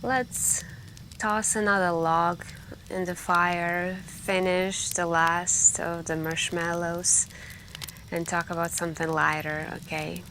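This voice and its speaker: By a crackling campfire at night, a woman plays a girlfriend on a camping trip in a soft-spoken ASMR storytelling roleplay. Her voice sits on the low side with little pitch movement, and she speaks in a hushed, intimate, drawn-out way with long pauses and stretches of whispering.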